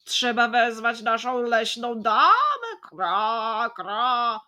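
A woman's voice: fairly high pitch, lively intonation, extremely slow, pushed and bright, heavily acted. A woman voicing two wise old female crows who caw between their words. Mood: gossipy. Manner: cawing between words, chatty.

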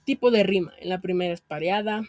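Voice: mid-range voice, fast, a little mellow, no room sound, clean studio sound. Methodical voice reciting a verse analysis. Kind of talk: reading a metric analysis of verse aloud.

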